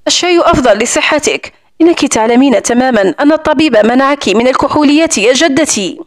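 A woman's voice: sits high, lively intonation, quick pace, no room sound, clean studio sound. A woman reading the part of a stern, sarcastic wealthy man who owns an island estate, speaking coldly and mockingly. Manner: cold, mocking.

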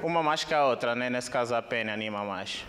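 A man's voice: fast, crowd noise. A young man with an Angolan Portuguese accent performing a stand-up comedy set on a theater stage, speaking into a handheld microphone. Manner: animated, jumps into high squeaky put-on voices. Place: theater stage with live audience.

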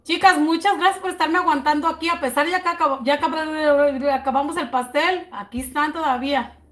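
A woman with a high, bright-pitched voice hosts a casual live stream for her baking channel. She greets viewers one by one, stretching out their names, and works through cake prices out loud in a chatty, homey way. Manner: chatty, greets viewers by name with slow drawn-out words; thinks aloud while working out prices.

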